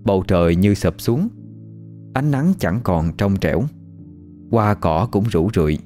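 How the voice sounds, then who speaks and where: A man narrating a scripted ghost story in an expressive storytelling manner. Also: sits low, a little slow, soft background music.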